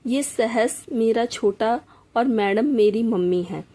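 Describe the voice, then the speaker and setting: Firm young guy, softens up, as a lady narrator plays him, storybook reading. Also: fairly high pitch, takes it slowly. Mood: emotional. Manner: firm, then tearful and reflective. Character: stern young man, tender underneath.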